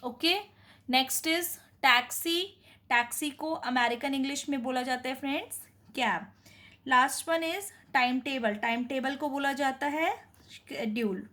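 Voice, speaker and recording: A woman teaching English vocabulary in Hindi, quizzing viewers and repeating each answer more softly. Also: high-pitched, unhurried. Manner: mixes Hindi and English words.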